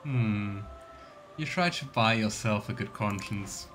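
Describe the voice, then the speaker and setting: Slow and lowish in voice, a man offers casual, meandering Let's Play commentary while streaming a game, thinking aloud as he goes. Faint game music plays in the background.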